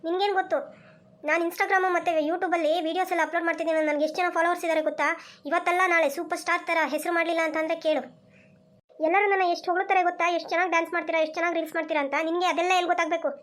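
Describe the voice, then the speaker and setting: Woman voicing a vain young girl, cartoon, boastful, very high voice. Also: level tone, rapid-fire, fairly bright tone. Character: vain young village girl, obsessed with making reels. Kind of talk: cartoon voice acting.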